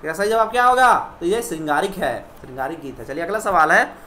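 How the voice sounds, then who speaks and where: A woman teaching an exam-prep quiz lesson. She reads folk song verses slowly in a sing-song lilt, then asks her listeners for the answer. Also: on the low side, animated, fairly bright tone.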